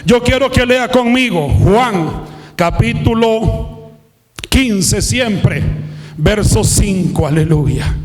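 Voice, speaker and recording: A male pastor preaching a fiery sermon to a congregation, often shouting and calling for responses from the crowd. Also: sits high. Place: church hall with congregation. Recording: long reverb of a large hall.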